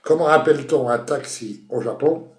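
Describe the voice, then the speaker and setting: A man of ordinary pitch hosting a comic quiz show. He announces questions and scores in a playful, teasing way, and the recording has a roomy echo. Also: moderate pace.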